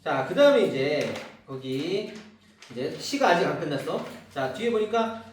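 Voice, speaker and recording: A man's voice: on the high side, sing-song, unhurried. A middle-aged man from Seoul lecturing a class as a cram school literature teacher, casual and teasing, often checking in with "right?". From Seoul, South Korea. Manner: casual and chatty, teasing, keeps asking "right?". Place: large classroom. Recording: echoey classroom from far off, faint noise.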